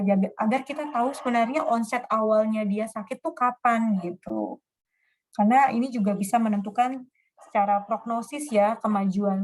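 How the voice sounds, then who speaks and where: A woman's voice: medium pitch, a little mellow. Woman giving a chill lecture, lots of uh and um, acts out little example questions. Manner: casual, many fillers and acted example questions. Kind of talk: online lecture with slides.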